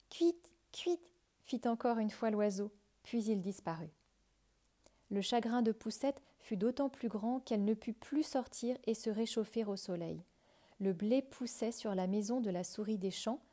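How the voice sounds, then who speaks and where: A woman reading a fairy tale aloud in a calm, measured storytelling manner. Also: fairly high pitch.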